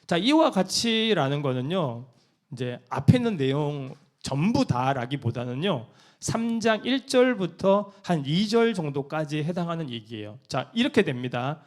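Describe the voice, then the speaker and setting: A man preaching a sermon as a pastor, animated and acting out quoted church members. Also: fairly high pitch, unhurried.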